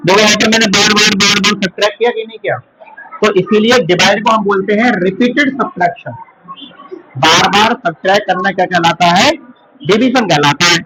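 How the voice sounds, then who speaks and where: A male school teacher from India explaining division in a lesson, asking questions and answering them himself, and slowly repeating key terms. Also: high voice, background noise. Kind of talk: classroom math lesson.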